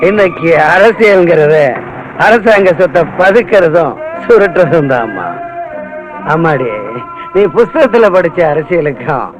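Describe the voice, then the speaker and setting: An actor playing a smug male kidnapper who lectures and mocks, heard over loud film music. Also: sits high, lively intonation, unhurried, rough recording. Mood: mocking. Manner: sneering, lecturing. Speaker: villain gangster.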